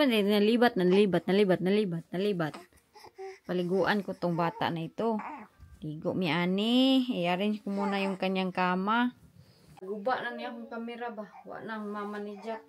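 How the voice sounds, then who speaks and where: Slow, high-voiced young mom. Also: female voice. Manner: coos and baby-talks to an infant. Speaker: mother filming her baby. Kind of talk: casual family vlog.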